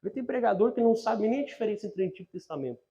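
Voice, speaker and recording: A man with a Brazilian Portuguese accent preaching a sermon, talking conversationally, asking the congregation frequent tag questions and rising to loud, emphatic scripture readings. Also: high voice, lively intonation, rapid-fire, vocal fry, muffled recording. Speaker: pastor.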